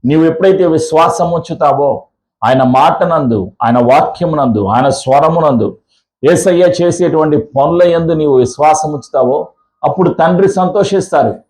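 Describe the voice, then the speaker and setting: A man preaching a sermon as a pastor in a church, emphatic, with rhetorical questions and slow, repeated phrases. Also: on the high side, darkish tone, poor audio. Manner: drawn-out slow phrases in series.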